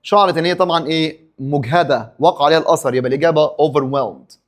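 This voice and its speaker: A man's voice: fairly high pitch, racing. A man with an Egyptian Arabic accent teaching an English exam review, asking and answering his own questions and stopping for pep talks.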